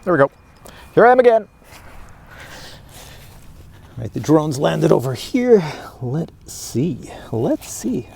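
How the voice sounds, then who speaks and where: A chatty, excitable man talks to his viewers in a casual commentary. His pitch swoops up and down freely. He is recorded outdoors. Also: unhurried, vocal fry, slightly rough. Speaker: drone reviewer. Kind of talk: casual live commentary while flying.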